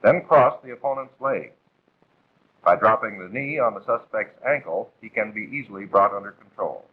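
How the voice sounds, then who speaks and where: Through a muffled, phone-like vintage film soundtrack, a husky American male voice on the low side narrates a 1940s instructional film at normal speed. He sounds animated while reading the script in a formal, authoritative, instructive way.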